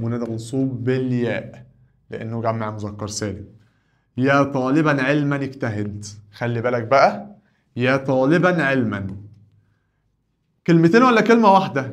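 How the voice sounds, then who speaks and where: A man with an Egyptian accent, an Arabic teacher who runs a grammar lesson by firing questions and answering them himself, his voice rising on the questions and dropping low on the answers.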